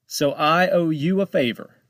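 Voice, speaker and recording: A man doing a high, excitable pirate captain. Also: unhurried, no room sound, clean studio sound. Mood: defiant. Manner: raised, excited, pitching up sharply. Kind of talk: storybook read-aloud.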